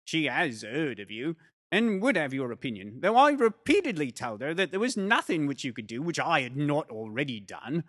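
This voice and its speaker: A man's voice: fairly high pitch, very animated, normal speed, a bit bright. A man reading an audiobook, voicing a self-assured police inspector with a confident, patronizing manner. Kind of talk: audiobook character voice.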